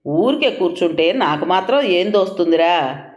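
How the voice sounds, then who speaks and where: A woman voicing a gentle, humble elderly widow speaking mildly to her family, in a storybook reading. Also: on the low side, expressive, normal speed, echoey room, close to an everyday voice.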